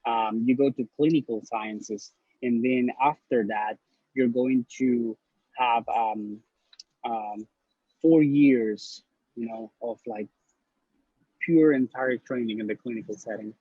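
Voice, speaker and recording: Speaking slowly with a steady, dark, slightly rough mid-range voice, this Honduran interview guest, a newly matched neurology resident, offers blunt, earnest advice over a video call and often repeats himself. The casual interview is captured in a slightly dull lo-fi recording with no echo.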